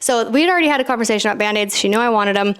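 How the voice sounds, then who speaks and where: A woman in her thirties hosting a podcast, telling a personal story in an animated, chatty way full of "like" fillers. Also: on the high side, very fast, clean tone. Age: 30s. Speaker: podcast host.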